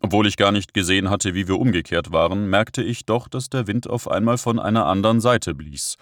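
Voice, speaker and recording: A man narrating an audiobook in a steady, measured reading. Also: fairly low pitch, no room sound, studio quality.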